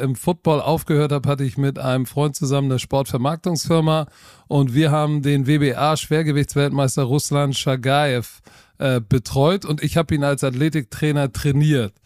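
A middle-aged German man, a football coach and TV expert, telling his story as a guest in a relaxed, self-deprecating way. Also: on the high side, no room sound, clean studio sound. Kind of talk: casual interview talk.

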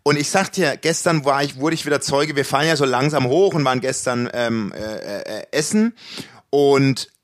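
A man's voice: mid-range voice, moderate pace. A man telling a long restaurant story in casual chat, full of restarts and slang. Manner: rambling anecdote with many restarts and colloquial slang.

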